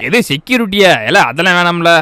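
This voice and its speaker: High, smooth-voiced game host. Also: male voice, fast, no room sound. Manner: lively, addresses viewers, reads out names. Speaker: gaming video host. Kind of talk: game roleplay with viewer shout-outs.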